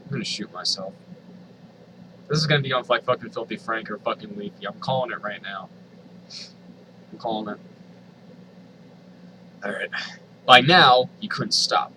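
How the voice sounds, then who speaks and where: A man with a lowish voice reads an online fan fiction story aloud dramatically, moving at a moderate pace and pausing often. Noise sits in the background, and his asides are exasperated, sardonic, and full of profanity.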